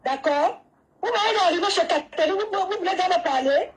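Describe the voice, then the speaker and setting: A woman's voice: very high voice, lively intonation, fairly quick, over a noisy crowd. A woman, defiantly insulting and repeating herself in a heated live-stream argument.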